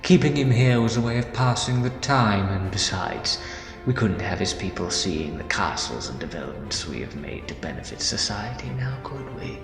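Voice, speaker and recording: A man playing a gloating, menacing alien tyrant in an audio drama, taunting and theatrical, often dropping toward a breathy whisper. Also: fairly low pitch, expressive, normal speed. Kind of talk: fan audio drama acting. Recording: echoey, long reverb, music underneath.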